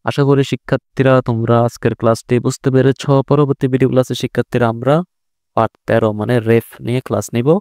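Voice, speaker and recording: A man teaching a recorded video lesson to young children, patient and repeating words slowly while asking the class questions. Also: medium pitch, flat delivery, darkish tone, no echo, studio quality.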